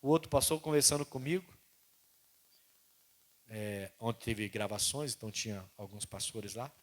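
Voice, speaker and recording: A man preaching a sermon as pastor, with animated delivery that swings between loud emphasis and quiet asides. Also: fairly low pitch, moderate pace. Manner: animated preaching with acted-out dialogue.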